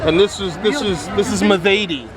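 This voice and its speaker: Joking man amid a loud crowd. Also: high voice, fairly quick, rough recording. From Minnesota. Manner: joking, self-mocking banter. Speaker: friend of the host. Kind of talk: casual joking chat. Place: outdoors in a busy city crowd. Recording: loud crowd and street noise.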